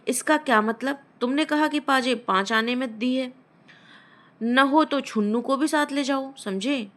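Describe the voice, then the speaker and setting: A woman's voice: high voice, measured pace, a bit bright, voice pushed up. Woman voicing a stern scolding father. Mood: sharp. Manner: scolding, commanding. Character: stern irritable middle-aged father.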